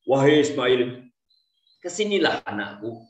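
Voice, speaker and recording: A woman voicing a gentle, sorrowful father who speaks slowly, softly and gravely, in a storybook telling. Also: extremely low pitch, sing-song, far from the mic, full character voice. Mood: tender. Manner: slow, soft, grave. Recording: roomy, slightly dull classroom recording.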